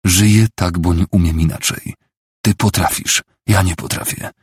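A man's voice: sits low, steady tone, moderate pace, husky, no echo, clean studio sound. A man reading the part of a broken, grieving father living on the streets, bitter and stubborn.

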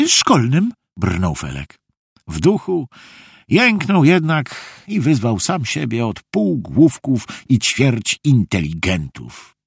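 A man narrating a children's audiobook in an expressive, unhurried storytelling manner. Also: medium pitch, slightly rough, no room sound, clean studio sound.

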